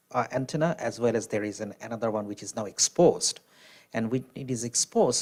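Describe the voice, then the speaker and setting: A man speaking on a panel explains technical concepts at a medium pitch, frequently pausing on "you know" and restarting his sentences.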